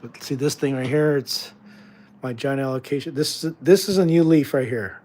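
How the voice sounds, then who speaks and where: A man's voice: mid-range voice, normal speed, a little mellow. A man hosting a casual home livestream, chatting with viewers in a rambling, joking, easily distracted way and often correcting himself. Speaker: livestream host. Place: home room with houseplants, indoors.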